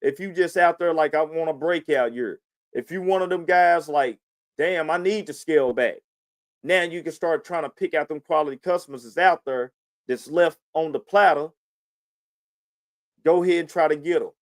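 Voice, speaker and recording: With studio quality and no room sound, a man with a fairly high-pitched voice hosts a podcast at normal speed. He chats casually in slang, repeatedly saying "man" to the listener and "you know what I'm saying."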